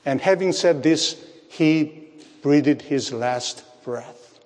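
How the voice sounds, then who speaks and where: A man preaching a sermon, speaking slowly, repeating phrases and asking his listeners rhetorical questions. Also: a little high. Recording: long hall reverb.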